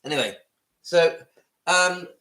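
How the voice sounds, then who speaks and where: A man's voice: a little high, lively intonation, slow pace, bright, forceful tone, echoey room, low-quality recording. A man in his fifties from southwest England with a West Country accent, chatting casually to viewers on a home livestream and greeting commenters by name. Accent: West Country English. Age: 50s. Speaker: livestream vlogger. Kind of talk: casual live chat to viewers. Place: room at home.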